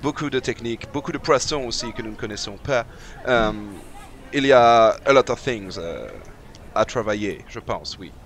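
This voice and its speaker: A man's voice: medium pitch, moderate pace, a bit bright, lightly acted. A man playing a boastful celebrity chef in a tabletop game, pompous and dropping phrases into his speech. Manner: pompous, self-important, mixing English phrases. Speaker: player. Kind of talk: tabletop role-play in character.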